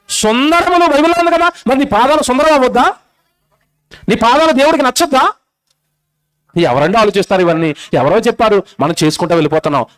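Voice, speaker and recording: A male preacher with an extremely high, smooth voice delivers a fervent sermon at a quick pace, pressing the congregation with scolding rhetorical questions and urgent exhortation. The audio quality is poor.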